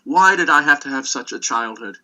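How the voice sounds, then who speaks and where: A man playing an earnest, emphatic young father in a fireside folktale, speaking deliberately. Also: mid-range voice, expressive, sharp tone. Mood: anguished. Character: young father, courteous but firm, troubled. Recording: dull, muffled lo-fi recording.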